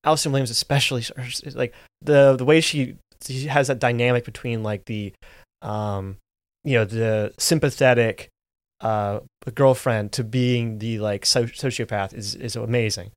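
A man's voice: mid-range voice, fairly even intonation, normal speed, no room sound, studio quality. A man co-hosting a movie review podcast, speaking with enthusiasm through many fillers and restarts. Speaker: podcast co-host. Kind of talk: casual movie review chat.

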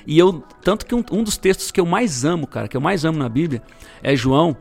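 A middle-aged man, talking fast in a gravelly, slightly high voice. He tells his story in a casual, slangy way, with bursts of emphasis. Faint music plays behind him. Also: expressive. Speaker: guest sharing conversion testimony. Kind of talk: casual testimony chat.

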